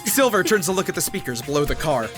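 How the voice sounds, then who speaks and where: In a comedy fandub, a man reads dramatic narration and tends to crack up mid-line. His slightly high voice moves with lively intonation, and he talks fast. Music plays behind him.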